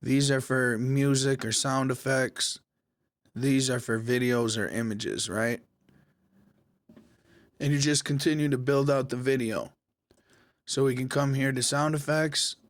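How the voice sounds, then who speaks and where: A man hosting a casual software tutorial, talking viewers through each step in a relaxed, conversational way. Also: medium pitch, measured pace, pauses often, no echo, clean studio sound. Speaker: tech tutorial host. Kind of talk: screen-recorded software tutorial.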